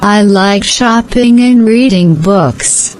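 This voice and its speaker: A woman giving slow, scripted answers in a repeated language-practice dialogue. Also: mid-range voice, darkish tone, slight background noise, poor audio.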